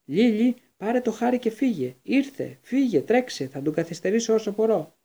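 A frantic young father in a storybook, shouting in a high, strained voice, as a male reader puts him on. The tone is husky and gravelly, and the words rush out in alarm. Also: very animated, heavily acted. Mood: panicked.

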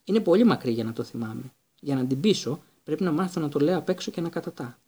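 A man reading an audiobook voices a sharp-tongued teenage boy who answers curtly and sarcastically. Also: fairly high pitch, lively intonation, slightly rough. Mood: defiant. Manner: curt, sarcastic.

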